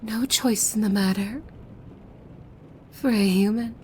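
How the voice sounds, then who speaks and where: In an ASMR roleplay, a woman voices a possessive demon maid who is devoted yet softly menacing. Her hushed, formal speech often drifts into breathy whispers, her pitch is fairly high, and there's a slight hiss or hum.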